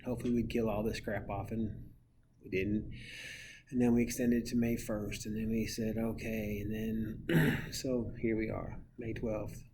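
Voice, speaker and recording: A male teacher with a low voice talks casually and a bit goofily to his absent students. He sits alone in his empty classroom. A faint hiss of noise sits under his voice. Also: little pitch movement, normal speed, darkish tone. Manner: goofy, rambling, playfully mimics students in high voices. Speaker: middle school social studies teacher. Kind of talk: casual farewell message to students.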